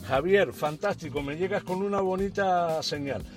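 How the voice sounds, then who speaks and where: A man's voice: high voice, normal speed, faint music behind. A man working as an amateur radio operator, courteously repeating phonetic call signs and signal reports in set phrases.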